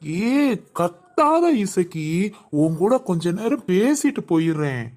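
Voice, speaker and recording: A voice actor playing a prankster pretending to be a husband's ghost in a cartoon, slow and wheedling. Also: medium pitch, sing-song, a little mellow.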